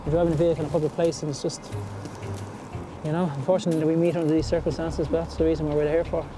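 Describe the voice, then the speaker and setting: A man's voice: fairly high pitch, flat delivery, rapid-fire. An Irish man speaking as a police officer at a roadside, explaining offences in an official, matter-of-fact way. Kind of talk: explaining vehicle offences and penalties. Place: outdoors at a roadside. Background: music and vehicle sounds.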